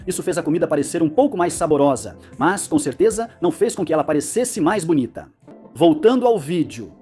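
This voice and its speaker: Explainer narrator, medium pitch, animated delivery, light music underneath. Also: slightly rough. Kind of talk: scripted educational narration.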